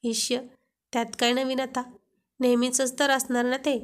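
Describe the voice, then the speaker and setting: A woman's voice: sits high, level tone, moderate pace, natural voice. A woman voicing a shy young wife who flares up and gets flustered at her husband's teasing. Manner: coy, flustered.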